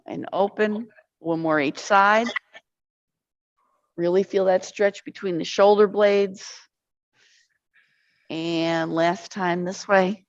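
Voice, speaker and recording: A woman's voice: medium pitch, steady tone, slow pace, pauses often, no room sound, muffled recording. A woman instructor leading an arthritis exercise class, counting reps aloud and encouraging the group.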